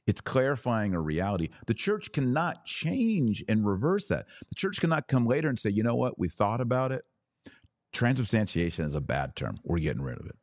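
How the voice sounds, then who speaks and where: A man hosting a religious commentary podcast delivers impassioned commentary to a live audience in an emphatic, preachy style, using short punchy phrases, rhetorical questions aimed straight at listeners, and acted-out imagined quotes. His fairly low voice is sing-song and brisk, in a dry, studio-quality recording.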